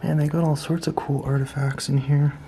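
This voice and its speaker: A man giving a casual vlog tour in a hushed, low-key way that often drops toward a whisper, speaking indoors as an investigator and host. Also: flat delivery, brisk, creaky, slight background noise. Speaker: paranormal investigation vlogger, host. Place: indoors in an old house.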